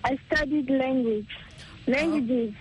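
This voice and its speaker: High-voiced woman searching for words. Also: slow, over a noisy crowd, poor audio. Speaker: languages student.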